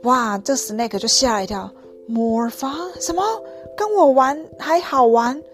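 A nervous, easily startled male snake from a children's storybook, voiced by a woman reading aloud. He exclaims slowly and loudly in a raised, higher voice. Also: steady tone, soft background music.

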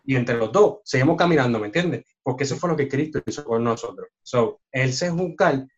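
Calm pastor, dull recording. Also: male voice, mid-range voice, a little fast, husky. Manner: calm, explaining, preacherly. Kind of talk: casual chat.

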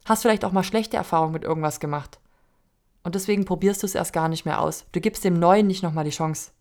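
A woman's voice: on the low side, fast, darkish tone. A woman hosting a podcast, speaking earnestly in a coaching tone and putting rhetorical questions straight to the listener. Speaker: podcast host. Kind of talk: motivational podcast monologue.

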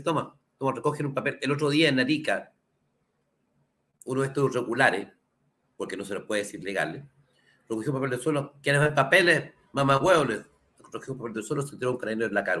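A Chilean man, a lawyer hosting his own program, delivering impassioned political commentary with a hoarse, sore throat, asking the audience rhetorical questions. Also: medium pitch, a bit bright. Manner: indignant, rhetorical questions, addresses the audience directly.

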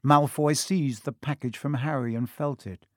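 A man reads a children's storybook aloud with a measured, expressive delivery at a mid pitch. The sound is close and dry, with no room around it. It has the steady pull of a classic audiobook narration. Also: no room sound.

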